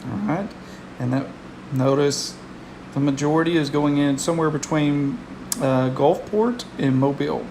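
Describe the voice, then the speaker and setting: A man's voice: fairly high pitch, normal speed, background noise. A man giving casual live weather commentary as a streamer, repeating phrases for emphasis.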